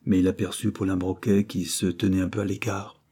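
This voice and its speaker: Low, husky male audiobook narrator. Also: flat delivery, fairly quick, mellow. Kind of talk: audiobook reading of a classic novel.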